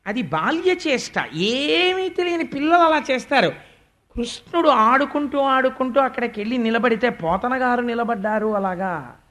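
A man with a high-pitched voice giving a devotional discourse in a lively storytelling manner. He breaks into slow, measured recitation of verses. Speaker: spiritual discourse speaker.

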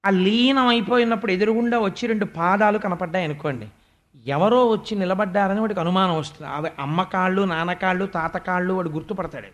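A man giving a devotional discourse, telling stories with animation and reciting verses slowly. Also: high-pitched. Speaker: spiritual discourse speaker.

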